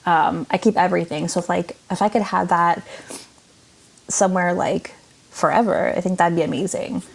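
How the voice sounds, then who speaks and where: Low, gravelly-voiced woman artist. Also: steady tone, normal speed. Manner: rambling, many fillers, laughs and yawns. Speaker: artist guest. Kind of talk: casual interview chat.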